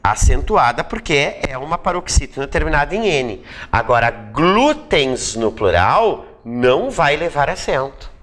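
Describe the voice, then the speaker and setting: Brazilian man, exam-prep teacher, animated pitch, keeps asking "right?". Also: a little slow. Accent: Brazilian Portuguese. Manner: checks in with tag questions; repeats points for emphasis. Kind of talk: grammar lesson.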